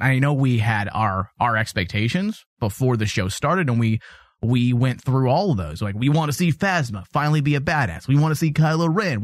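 Animated male podcast co-host. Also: mid-range voice, dry recording, studio quality. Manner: animated, teasing, laughs easily. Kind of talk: casual podcast chat.

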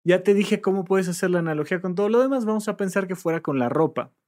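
A therapist delivers an animated podcast monologue, acting out hesitant client replies and patiently repeating questions. The voice is mid-range and fast.

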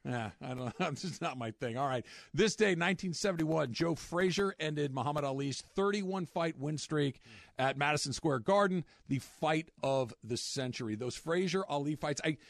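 A man's voice: on the high side, animated, normal speed, vocal fry, no room sound. A man hosting a casual sports talk show, chatty and joking, often restarting his sentences. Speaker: sports radio host.

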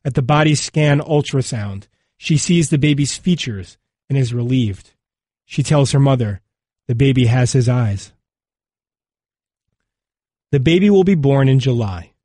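A man reading a magazine feature as scripted narration, in a measured, solemn way. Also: medium pitch, lively intonation, dark tone, no room sound, clean studio sound.

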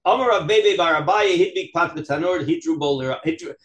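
A man teaches a Talmud class as a rabbi, reading aloud and explaining in an animated, questioning way. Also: a little high, a little fast, echoey room. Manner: animated, questioning, acts out examples in dialogue. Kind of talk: interactive text lesson, reading aloud and explaining.

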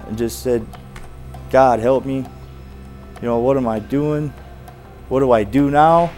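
A man telling his personal testimony as a former biker, earnest and halting, often restarting and saying "you know". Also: medium pitch, darkish tone.

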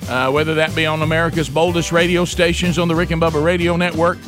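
A man hosting a radio show in a casual, halting, conversational way. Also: a little high, flat delivery, over music.

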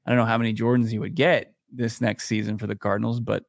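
A man's voice: fairly low pitch, level tone, fast talker, gravelly, no echo, studio quality. A man co-hosting a sports podcast, chatting casually and thinking aloud with frequent restarts. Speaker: podcast co-host.

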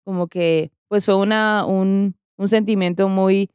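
A woman's voice: medium pitch, fairly even intonation, a little slow, darkish tone, smooth, no room sound, studio quality. A woman with a Mexican accent, a podcast host casually retelling a story with many fillers and slangy asides.

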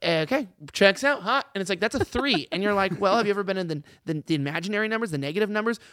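High-voiced fast-talking man. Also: no echo, studio quality. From Los Angeles. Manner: rapid rambling riffs, animated. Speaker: co-host. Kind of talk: casual panel chat.

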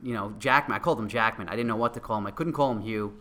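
A middle-aged company co-founder, appearing as a guest, tells a casual anecdote in a Queens, New York accent. His voice is on the low side yet bright and punchy, and he talks rapid-fire and excitably, acting out everyone's lines as he goes.

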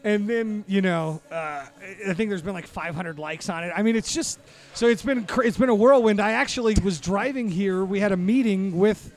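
A man's voice: high voice, moderate pace, a little mellow. A man telling anecdotes casually as a guest on a podcast. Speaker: podcast guest and company founder. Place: bar under construction.

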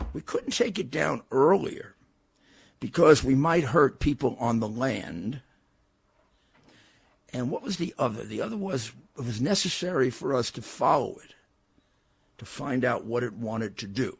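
A man's voice: medium pitch, big pitch swings, unhurried, gravelly, breathy edge, no room sound. An older man hosting a political talk show, giving a blunt, combative commentary monologue with frequent stammered restarts.

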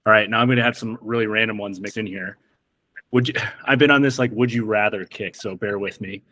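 Male co-host, mid-pitch, playful and jokey, firing off quick would-you-rather questions. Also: steady tone, bright, forceful tone, poor audio. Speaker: podcast co-host. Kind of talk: casual interview chat.

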